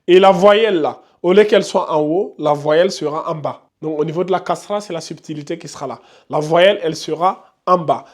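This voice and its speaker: A man's voice: fairly high pitch, brisk, hardly any pauses. A man teaching beginners to read Quran letters, patient, with frequent fillers and repetition. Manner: patient, repeats himself, many filler "donc" and "euh". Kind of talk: casual beginner lesson at a whiteboard.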